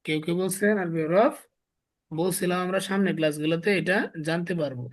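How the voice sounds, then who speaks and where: Man drilling Arabic letter sounds. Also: sits high. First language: Bengali. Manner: repetitive, drills syllables slowly and asks students to repeat. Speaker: Arabic alphabet teacher. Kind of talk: classroom lesson with call-and-response drilling.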